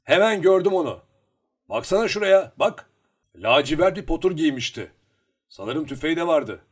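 Excited storybook man talking fast and high, as a man reads him out. He sounds urgent and loud, with a husky edge to the voice and a lively, swinging delivery. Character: agitated man telling an old man what he saw.

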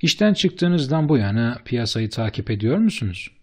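A man voicing an eager, flattering bearded businessman who speaks with emphatic enthusiasm in an audiobook. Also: medium pitch, normal speed, husky. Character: eager, fast-talking bearded businessman, middle-aged man.

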